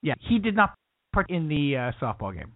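Deadpan man on a lo-fi line. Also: a little high, moderate pace, no room sound. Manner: deadpan, playful bits. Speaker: podcast co-host. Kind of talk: casual comedic chat. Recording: dry, phone-like lo-fi.

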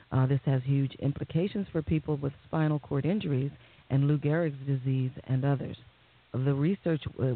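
A woman hosting a talk radio show, reading announcements and news in a measured, formal way. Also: low-pitched. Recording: tinny phone-like narrow band.

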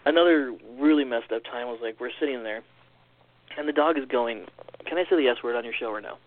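A man tells a string of uncanny stories in a fast, loose, conversational flow. He slips into the voices of the people he quotes along the way. The sound is narrow and tinny, like a phone call. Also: medium pitch, no echo. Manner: animated, quick storyteller acting out quoted lines. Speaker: podcast guest. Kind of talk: casual storytelling.

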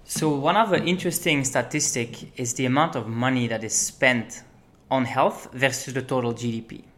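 Being interviewed as a guest, a young Belgian man who works as a management consultant chats in a relaxed way, dropping many ums and uhs. His voice sits in the mid-range at a normal speed.

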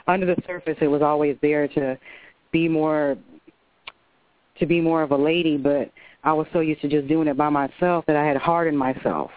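Her voice is low and steady, moving at a moderate pace on a dry recording. She's a radio caller on a tinny phone line, speaking casually, earnestly and personally from the heart, and she restarts a few times.

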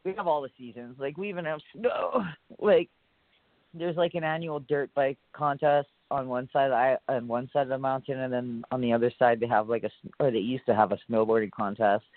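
A musician from Hawaii, guesting in a casual interview, rambles in a laid-back way, packed with fillers and swearing. His mid-range voice is fairly quick, and the audio is dry and phone-like with no room sound.

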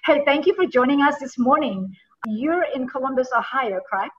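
A chatty woman hosting a podcast interview, her voice a little husky. The recording sounds dull and lo-fi, with the highs rolled off. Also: expressive, normal speed, fairly bright tone. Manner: chatty, teasing, reads guest bio. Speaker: podcast host. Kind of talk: interview introduction and questions. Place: Southern California. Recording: dull lo-fi audio.

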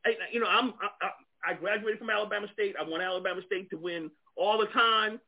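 A guest speaker with a New York accent joins a panel discussion, stumbling and repeating words as he hunts for them and chuckling while he talks. His voice is high-pitched, brisk, and creaky, heard through tinny, phone-like online call audio.

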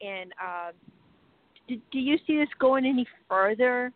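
A woman calling in to a radio show by phone, halting and effusive, filling pauses with "uh" and repeating her thanks. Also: fairly high pitch, animated, no room sound. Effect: phone line. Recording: tinny phone line.

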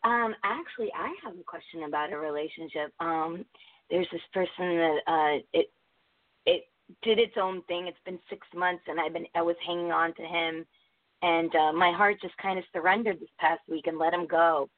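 A lively, bubbly woman calls in to a radio show, her voice coming through a thin, tinny phone line. She sits a little lower in pitch than most women. The line is dry, with no room sound around her. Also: normal speed, no echo. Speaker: radio call-in caller. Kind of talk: casual call-in chat.

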